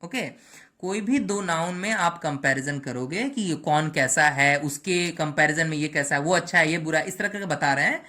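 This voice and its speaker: A woman teaching English grammar, moving between Hindi and English, slowing down to spell out each English example and checking in with "right?" and "okay". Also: low voice, pushed and bright. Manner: mixes Hindi and English, slow over English examples. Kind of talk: classroom lesson.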